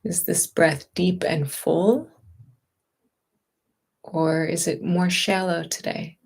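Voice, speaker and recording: This meditation teacher guides stillness and gentle movement at an unhurried, very slow pace, letting long pauses sit between her phrases. Her voice is lowish with a creaky edge, her intonation fairly even, and her manner reassuring.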